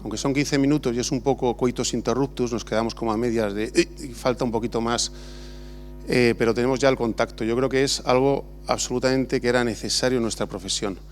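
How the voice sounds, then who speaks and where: A middle-aged Spanish architect gives an informal award acceptance talk in a large exhibition hall, restarting often and using lots of fillers. His voice is medium-pitched and steady, and he talks a little fast. There is slight background noise.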